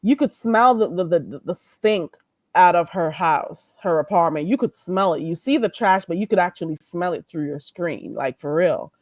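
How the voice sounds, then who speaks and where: This livestream host speaks at normal speed in a fairly low, animated, slightly mellow voice, with no echo. A bit stuffy-nosed, she trades blunt, profanity-laced gossip and greets and thanks viewers along the way.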